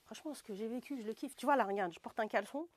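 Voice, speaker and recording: A woman's voice: a little high, rapid-fire, no echo. A young woman leading a goofy yoga class in French, rambling with slangy asides and frequent giggles. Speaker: yoga teacher. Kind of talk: playful self-mocking yoga class.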